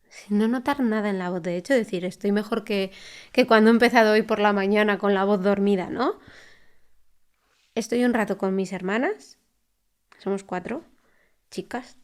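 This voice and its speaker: A woman's voice: medium pitch, darkish tone. Reflective woman speech therapist in conversation. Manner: reflective, full of restarts and tag questions. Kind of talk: conversational interview. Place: podcast recording.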